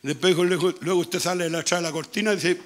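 A man with a Chilean accent preaching a sermon as pastor, with a hoarse, gravelly voice, talking loudly and repeating himself as he goes. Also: sits high, fairly even intonation, rapid-fire, heavy background noise. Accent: Chilean Spanish. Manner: speaks loudly, conversational preaching with frequent repetition. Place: church.

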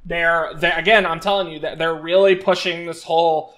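A man's voice: on the high side, steady tone, normal speed, a bit bright, rough recording. A young man co-hosting a casual, opinionated reaction chat, repeating words for emphasis. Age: young adult. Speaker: co-host. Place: indoors at home on a video call.

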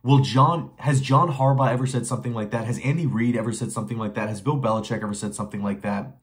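Young guy ranting at his webcam from his bedroom, medium-pitched voice, keeps repeating himself for emphasis, lots of "what's their excuse" type questions. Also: quick pace. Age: young adult. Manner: fired-up and emphatic, rhetorical questions, repeated phrases. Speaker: sports commentary vlogger. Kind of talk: opinionated solo commentary to camera. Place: small bedroom indoors. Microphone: webcam or phone facing him at desk.

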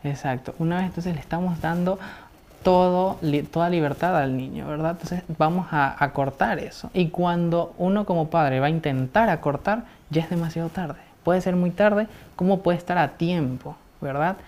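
A man, a psychologist guest giving measured, explanatory answers and often checking in with tag questions. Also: on the high side, darkish tone.

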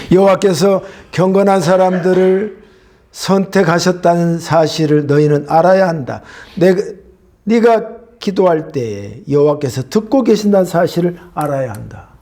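A male pastor preaching a sermon, swinging between loud emphatic bursts and hushed whispers. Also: high voice, expressive, measured pace.

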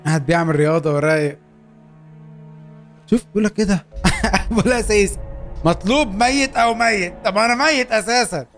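A young man with an Egyptian Arabic accent giving excitable, joking commentary as he plays a game. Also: high voice, brisk, pauses often, soft background music. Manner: excitable, joking, urging his character on. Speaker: gaming YouTuber. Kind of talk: Let's Play commentary.

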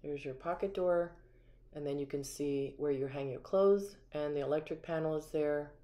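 American lady filming a home tour, low mellow voice, upbeat, listing stuff room by room. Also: moderate pace. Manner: upbeat, lists features one by one. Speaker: community home tour guide. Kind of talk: walkthrough home tour narration. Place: empty small mobile home, indoors.

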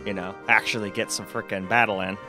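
A man's voice: on the low side, steady tone, quick pace. A man hosting a gaming channel, giving casual, rambling gameplay commentary in a laid-back, chatty way. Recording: game music behind the voice.

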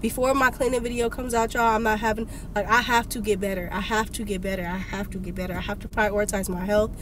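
Sitting in a parked car with her phone camera on the dashboard, a congested, sick young woman rants casually for her vlog, animatedly telling a story. She speaks at a quick pace in a mid-range voice with a level tone, over slight background noise.

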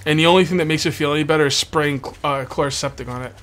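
This let's play host has a slightly high, fairly bright voice and races along with fairly even intonation. He rambles casually through his gameplay commentary, repeats himself, and talks with a bitten, sore tongue. Background noise from video game ambience sits under his voice.

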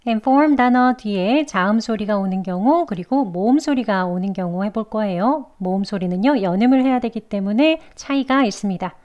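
A woman teaching English pronunciation, explaining mouth and tongue positions clearly and patiently, step by step. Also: mid-range voice, animated, normal speed, few pauses, muffled recording. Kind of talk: instructional lesson narration.

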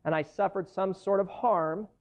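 This immigration lawyer, in his thirties, has a high-pitched voice with fairly even intonation and normal speed. He lectures conversationally from a lectern in a university hall, relying on worked case examples, captured by a distant camera in dull lo-fi audio.

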